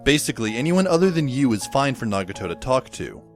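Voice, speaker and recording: A man with a medium, sing-song voice talks fast as he narrates and acts as the lead, a dry, wordy, exasperated teenage schoolboy in an amateur audio drama. The narration is wry, and faint music plays behind him.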